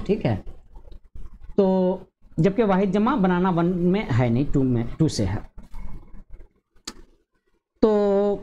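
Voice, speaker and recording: A male teacher explaining a grammar lesson to teachers and parents, measured, with frequent drawn-out hesitations and slow repeated word pairs. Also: on the high side, warm tone, a little hiss or hum.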